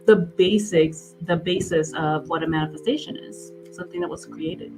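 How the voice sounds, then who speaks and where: A woman in her forties, a guest in an interview, telling her story earnestly with halting restarts. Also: on the low side, over music, rough recording. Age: 40s.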